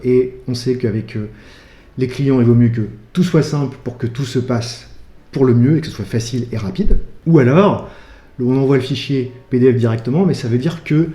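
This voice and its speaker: A French man with a mellow, darker tone explains his work casually, peppering his sentences with "bah" and "euh". He is a wedding photographer sharing tips, recorded in a room that sounds noticeably echoey. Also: medium pitch. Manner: chatty, full of fillers like "bah" and "euh". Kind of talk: casual tutorial talk.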